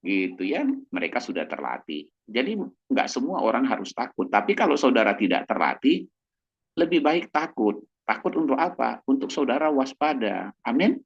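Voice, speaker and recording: A man's voice: normal speed, husky. A male pastor preaching a chatty sermon, often tagging his points with a questioning "ya". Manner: chatty, keeps tagging "ya" and "gitu ya"; animated, jumps high in pitch for emphasis. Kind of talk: conversational evening sermon. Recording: dull lo-fi recording.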